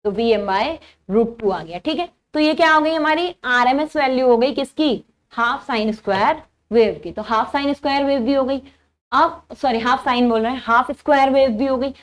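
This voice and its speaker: High-voiced woman lecturing step by step. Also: moderate pace. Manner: explains step by step, asking and answering her own questions. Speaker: teacher. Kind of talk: engineering lecture.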